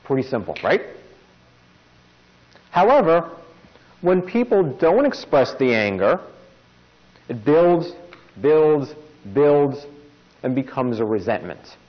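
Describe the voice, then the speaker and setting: A man's voice: mid-range voice, very animated, slow pace, long pauses. A man giving an informal self-help talk as a podcast host. He mixes wry, jokey asides into his explanations. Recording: dull lo-fi recording.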